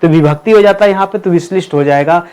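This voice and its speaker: A man with a fairly high voice explains grammar quiz answers to his students, checking in with them after nearly every point. He slows way down whenever he spells out an example sentence. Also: a little mellow, smooth. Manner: repeats "ठीक है" and addresses students as friends. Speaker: Hindi grammar teacher.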